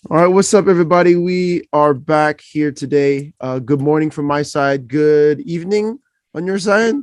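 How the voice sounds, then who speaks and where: A man's voice: fairly high pitch, normal speed, a little mellow, no echo, studio quality. Upbeat man hosting a podcast. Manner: laughs often, friendly and joking. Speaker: podcast host. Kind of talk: casual interview chat. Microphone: podcast microphone.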